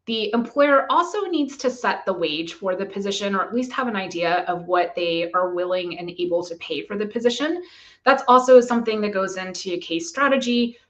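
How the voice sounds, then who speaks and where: A woman immigration lawyer giving a measured, methodical explanation to camera. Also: mid-range voice, low-quality recording.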